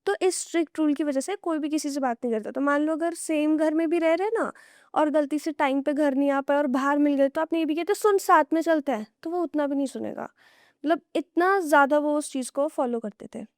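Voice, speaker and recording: A woman's voice: sits high, a little fast, a little mellow, no echo, clean studio sound. A young woman telling horror stories casually on a podcast, pulling the listener in with what-if scenarios. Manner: casual, draws the listener into hypotheticals. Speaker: horror storyteller guest. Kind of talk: conversational horror storytelling on a podcast.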